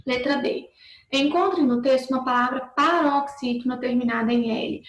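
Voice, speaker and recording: Brazilian teacher, woman, patient and repetitive, slightly high raspy voice, recorded in a roomy echo. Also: a bit bright. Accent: Brazilian Portuguese. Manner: patient, explains step by step, repeats and rephrases. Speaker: schoolteacher. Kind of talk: recorded remote class.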